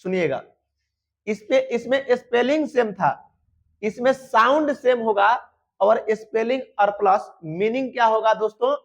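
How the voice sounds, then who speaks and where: A man's voice: very high voice, measured pace, gravelly. A man teaching an exam-prep grammar lesson, repeatedly asking his students questions and answering them himself. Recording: dull lo-fi sound.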